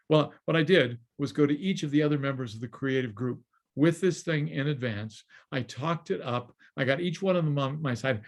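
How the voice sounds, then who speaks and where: An older man telling showbiz anecdotes as an interview guest, chuckling and acting out the people he quotes over a video call. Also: mid-range voice. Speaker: guest, former studio story editor and screenwriter.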